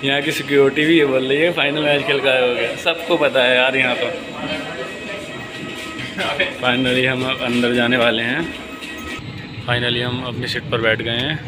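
A man's voice: mid-range voice, flat delivery, normal speed. Young man vlogging with music under him. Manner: chatty, laughs often with friends. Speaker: travel vlogger. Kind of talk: casual travel vlog. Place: outdoors by a road, then inside an airport terminal.

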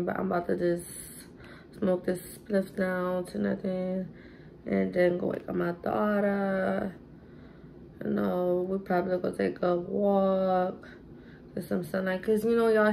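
A woman's voice: mid-range voice, creaky, a little mellow, a little hiss or hum. A tipsy young woman, chatting casually through a makeup tutorial in a rambling, sassy way, swearing freely. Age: young adult. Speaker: beauty vlogger.

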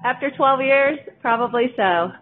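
A woman's voice: sits high, normal speed, breathy edge, faint music behind. A woman bartender answering interview questions in a restaurant bar, brief and matter-of-fact. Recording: tinny phone-like sound, faint hiss.

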